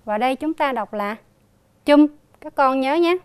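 A female primary school teacher with a Southern Vietnamese accent, leading a slow reading lesson for young children and spelling out sounds with emphatic repetition. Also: high-pitched, expressive, smooth, no room sound. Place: recorded for a TV lesson.

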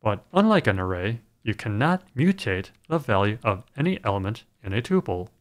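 A man narrating a scripted programming screencast in a calm, measured way. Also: lowish voice.

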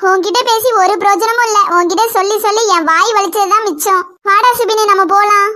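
A woman's voice: extremely high pitch, steady tone, fairly quick. A woman with a Kanyakumari Tamil accent voicing a bossy, scolding chicken-shop owner in a cartoon. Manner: scolding, sharp-tongued. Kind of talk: cartoon voice acting.

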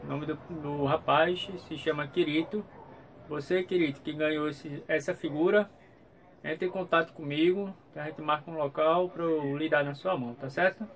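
A man gives a casual vlog update in a hesitant, repetitive way, often checking in with his viewers. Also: fairly high pitch. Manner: hesitant, repeats himself, frequent checking tags. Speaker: YouTube channel host. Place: small room at home, indoors. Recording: clear background noise, room ambience.

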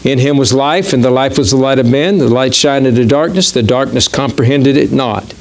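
A man preaching a sermon as pastor, reading scripture quickly and slowing down to stress key words. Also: mid-range voice. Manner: reads verses quickly, then slows to stress key words. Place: church.

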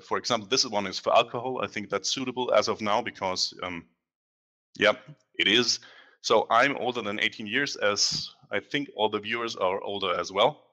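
Wearing a headset, a presenter from Germany demos software for an online meetup, standing in a dim room in front of a large screen. His fairly low-pitched voice still sounds bright. It's a casual presentation, conversational in manner, full of "um" pauses and self-corrections.

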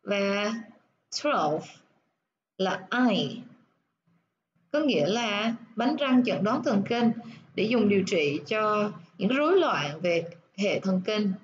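A woman teaching nursing English, explaining step by step and repeating words slowly to show where the stress falls. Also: medium pitch, expressive, lo-fi sound, a little hiss or hum.

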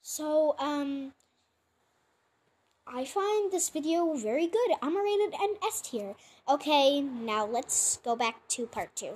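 A woman's voice: high voice, lively intonation, takes it slowly, loud music behind the voice. A female creator chatting casually while reacting to her own old clips, chatty and self-mocking. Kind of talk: casual chat.

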